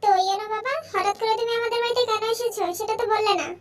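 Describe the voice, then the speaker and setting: A woman voicing a patient middle-aged mother who calmly reproaches her rude husband. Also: extremely high pitch, rapid-fire, distant mic, very noisy. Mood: reasoning. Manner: calm, pleading, reasonable.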